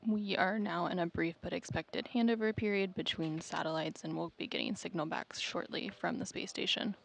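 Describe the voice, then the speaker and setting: A woman's voice: fairly low pitch, steady tone, moderate pace, creaky, fairly bright tone. A woman giving live mission commentary in the role of a broadcast commentator.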